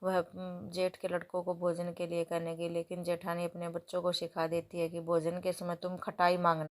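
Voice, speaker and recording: A woman narrating a devotional fasting story as a storyteller, in a steady, even reading. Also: fairly low pitch.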